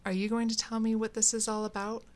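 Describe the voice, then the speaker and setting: In a read-aloud story, a woman with a slightly high, darkish voice voices an agitated, stern man who keeps demanding answers. She speaks fast with little pitch movement, close to her everyday voice, sounding upset and demanding as she questions.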